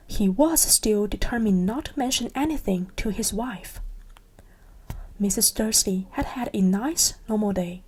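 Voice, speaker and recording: Breathy, whispery woman reading ASMR. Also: medium pitch, rough recording. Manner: hushed, partly whispered narration. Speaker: narrator. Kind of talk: soft ASMR reading aloud.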